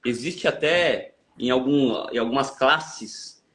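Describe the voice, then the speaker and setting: A man's voice: mid-range voice, slow, fairly bright tone. A man with a Brazilian Portuguese accent, hosting a podcast and reasoning aloud in a thoughtful, hesitant way. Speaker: podcast host. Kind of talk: reflective interview talk.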